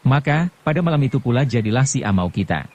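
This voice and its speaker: A man's voice: mid-range voice, big pitch swings, fast talker, darkish tone, highs cut off. A man voicing an easygoing old male farmer who teases his wife in an audiobook. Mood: teasing. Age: older. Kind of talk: audiobook narration.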